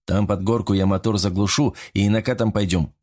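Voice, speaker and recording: A man voicing a confident male army driver who talks in a blunt, gruff way, in an audiobook. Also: fairly low pitch, fairly even intonation, fairly quick, darkish tone, close to an everyday voice.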